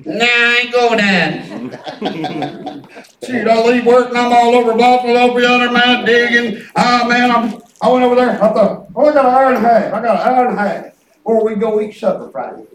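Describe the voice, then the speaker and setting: A man in his fifties with a rural Southern US twang, preaching a folksy, rambling, storytelling sermon in an excitable, colloquial way. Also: very high voice, brisk. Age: 50s. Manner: excitable, colloquial, chuckles through anecdotes. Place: church hall with responding congregation. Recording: echoey church room, distant microphone.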